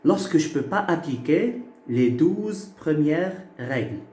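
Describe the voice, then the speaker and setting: A man's voice: fairly high pitch, expressive, a little mellow. A man teaching a phonetics lesson, explaining patiently and checking that listeners follow. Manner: slow, patient, checks in with "ok?" and "d'accord?". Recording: echoey room.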